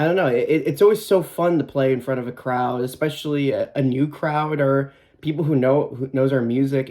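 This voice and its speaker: This darkish, medium-pitched voice belongs to a guitarist in his twenties being interviewed for a documentary. He replies casually, hesitating often and restarting his sentences amid frequent filler words.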